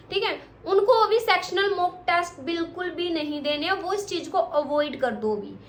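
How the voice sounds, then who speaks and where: High-voiced woman giving blunt study advice. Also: fairly bright tone, slight background noise. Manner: direct, scolding, repeats points. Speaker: exam coach. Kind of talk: motivational study advice to students. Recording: echoey room with faint ambience.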